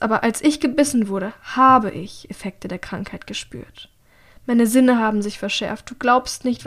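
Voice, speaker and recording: A woman reading an audiobook, voicing an urgent young woman who pleads in hushed, half-whispered tones. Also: a little high, natural voice.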